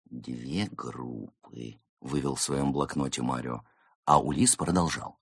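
A man narrating a children's audiobook in an expressive storytelling manner. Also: extremely low pitch, moderate pace, breathy edge, dry recording, clean studio sound.

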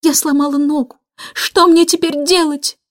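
A woman's voice: flat delivery, moderate pace, no room sound, studio quality, close to an everyday voice. A woman doing a wailing, self-pitying maid. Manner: high, moaning, complaining.

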